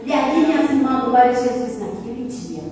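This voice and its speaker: A woman's voice: on the high side, lively intonation, normal speed, warm tone. A woman preacher giving a fervent testimony sermon, telling her story dramatically and slipping into sung phrases. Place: large echoey church hall. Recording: echoey hall, distant mic, faint music.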